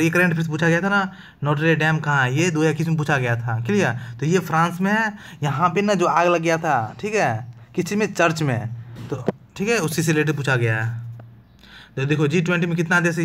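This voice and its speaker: Slightly high and a bit bright in voice, this man runs an online exam-prep class in a chatty, casual style. He frequently checks comprehension with "clear?".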